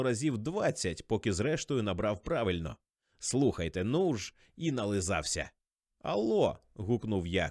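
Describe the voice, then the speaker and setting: A male narrator reads a first-person novel in a rambling, slangy confessional manner, his pitch rising and falling in lively swings. The sound is dry and close, with no room echo. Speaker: audiobook narrator.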